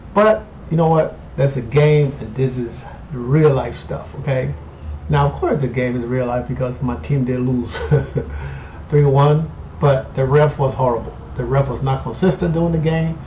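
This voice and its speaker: A man's voice: medium pitch, measured pace, darkish tone. Chatty man in his fifties, echoey room. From Colombia. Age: 50s. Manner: chatty, repeats "okay" and "you know". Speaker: investing channel host. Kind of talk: casual portfolio update. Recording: echoey room, dull lo-fi sound, faint noise.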